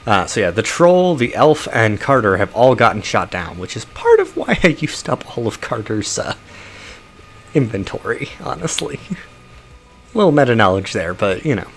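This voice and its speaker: A man's voice: medium pitch, big pitch swings, moderate pace, gravelly, slight background noise. A man streaming a game live, chatting casually with frequent chuckles and fillers. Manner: chuckles often, loose with fillers.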